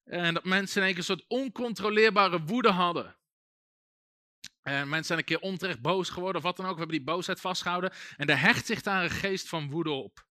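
A man's voice: high-pitched, brisk, bright, forceful tone, no room sound, studio quality. A man preaching a sermon in a conversational way, full of asides and restarts.

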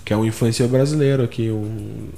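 A man's voice: lowish voice, steady tone, a little fast, vocal fry, mellow, a little hiss or hum. A man, hosting a casual podcast chat, talkative, laughing often and swearing casually. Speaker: podcast host.

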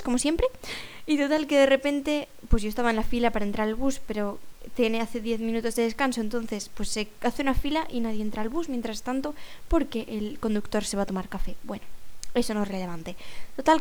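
A young woman telling a casual story, rambling and self-mocking, with many fillers and restarts. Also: fairly high pitch. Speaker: vlogger.

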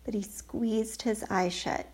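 A woman's voice: medium pitch, fairly even intonation, slow pace, darkish tone, breathy edge. A woman reading a children's storybook aloud, lifting her voice for the characters' lines. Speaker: audiobook reader. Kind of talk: storybook narration.

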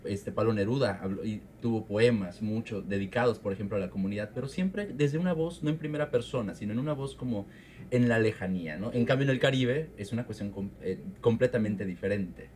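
A man with a fairly low voice talks as an interviewer in an informal discussion. His delivery is conversational and explanatory. There is faint noise behind him. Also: darkish tone.

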